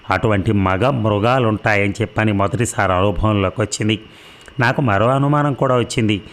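Man reading a novel, lowish voice. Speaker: narrator. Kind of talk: reading a serialized novel aloud.

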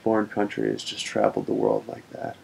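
Very gravelly, drunk young man rambling. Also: sing-song, darkish tone, poor audio. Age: young adult. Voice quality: gravelly, creaky. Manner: drunk, meandering, with long pauses. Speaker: vlogger. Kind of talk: rambling casual webcam vlog. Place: small wood-panelled room, indoors. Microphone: built-in webcam laptop microphone. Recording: faint noise, low rumble.

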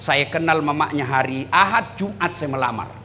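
A middle-aged male preacher from South Sulawesi with a Makassarese Indonesian accent, delivering a humorous sermon. His voice sits high for a man and he teases the crowd, often breaking into shouts. A faint hum of room noise lies under his speech. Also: moderate pace. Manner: animated, teasing, rising to shouts. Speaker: Islamic preacher.

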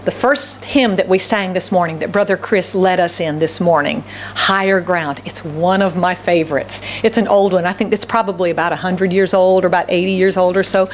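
A middle-aged American woman pastor with a mid-range voice preaches loudly from a church hall podium. The podium microphone carries a bit of hiss or hum, and she repeats key phrases while asking the congregation questions.

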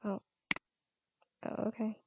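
A woman's voice: slow pace, lo-fi sound, very noisy. A young woman playing her own character in a Minecraft role-play, talking in a stammering, giggly and flustered way into a close mic. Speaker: role-play channel host.

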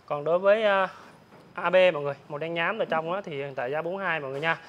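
Male, young, southern Vietnamese accent. Hard-sell price patter, extremely quick, repetitive and informal. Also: a little high, a bit bright, lo-fi sound. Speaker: motorbike salesman. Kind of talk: hard-sell sales pitch, listing prices. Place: large open-sided motorbike warehouse. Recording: clear ambient noise of open warehouse.

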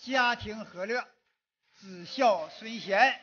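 A man with a Northeastern Mandarin accent gives a moral lecture in a lecture hall, telling stories in a folksy, animated way with many "是吧" asides. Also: high-pitched, slow pace, highs cut off. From Northeast China. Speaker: public lecturer. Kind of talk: moral lecture told through anecdotes. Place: lecture hall at a public forum.

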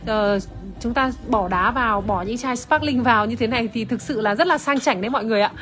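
A woman's voice: fairly high pitch, quick pace, fairly bright tone, soft background music. A woman presenting wine on a phone livestream in casual chat, full of fillers and greeting viewers by name. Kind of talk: casual livestream product demo. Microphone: phone camera, iPhone.

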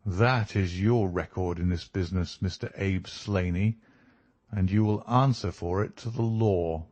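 A man voicing a composed, authoritative detective in a storybook reading, formal, measured and stern. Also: sits low, a little mellow, no room sound.

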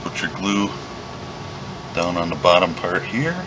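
A man giving a relaxed, step-by-step leatherworking tutorial while he works at a workshop bench, recorded by a camera above the bench. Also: low voice, unhurried, noisy background. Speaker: leatherworking instructor. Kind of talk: hands-on craft tutorial.

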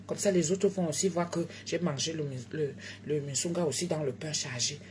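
A tired woman chatting live to her followers, animated, jumping between loud exclamations and low murmurs and joking in broken English. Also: a little fast, slight background noise. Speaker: food seller live-streaming on social media. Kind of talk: casual live chat to followers.

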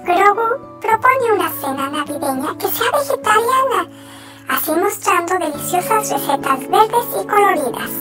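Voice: very high-pitched, animated, measured pace, distant mic. A narrator reading scripted bedtime stories for young children. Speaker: children's story channel narrator. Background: music.

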